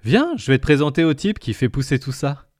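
A man voicing a confident young woman on a spaceship crew, lively and welcoming. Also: medium pitch, brisk, no room sound, clean studio sound, voice pushed up. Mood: showing around.

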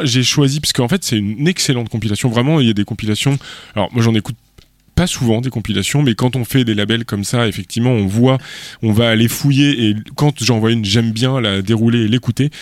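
A man hosting a music radio show in casual chat, relaxed and hesitant, with many fillers. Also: medium pitch, no echo, studio quality. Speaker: radio host.

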